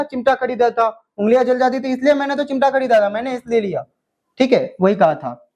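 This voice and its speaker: High-voiced male teacher drilling questions. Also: darkish tone. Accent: Bihari Hindi. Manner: repeats each question, then answers it himself. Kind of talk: exam-prep lesson, quizzing students.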